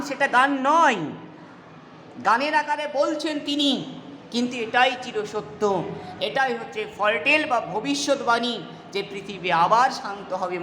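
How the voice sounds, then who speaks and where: A woman's voice: a little high, a bit bright. Woman teaching in a reverberant hall. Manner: checks in with rhetorical questions. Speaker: English literature teacher. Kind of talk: explaining a poem in a lesson. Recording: long hall reverb, clear background noise.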